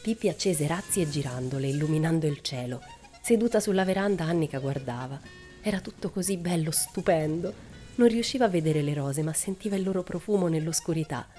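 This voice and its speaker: Woman narrator, audiobook reading, calm expressive storytelling, low dark voice, faint music. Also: fairly quick.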